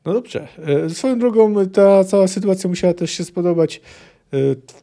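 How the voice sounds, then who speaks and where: A man talks through a book on his podcast, stopping for fillers and correcting himself as he goes. His voice sits a little high. Its tone is mellow and dark. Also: moderate pace. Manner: conversational, with fillers and self-corrections. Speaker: podcast host. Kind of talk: book review podcast with read-aloud quotes.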